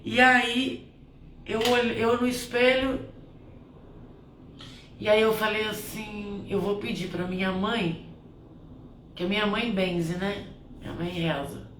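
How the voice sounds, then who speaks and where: A woman's voice: medium pitch, fairly even intonation, slow pace, pauses often, fairly bright tone. A woman who does spiritual blessings talks through a personal reflection, her thoughts winding and often restarting. She sits back from the microphone, so the room echoes around her voice. A faint hum of ambient noise sits underneath. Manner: heartfelt and rambling, with many restarts. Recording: roomy, distant from the mic, faint ambient noise.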